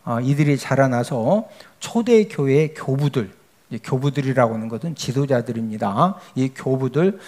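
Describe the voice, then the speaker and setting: A man's voice: medium pitch, lively intonation, moderate pace, darkish tone. A male pastor preaching a sermon, often asking the congregation questions and answering them himself, with frequent emphatic checks to the listeners.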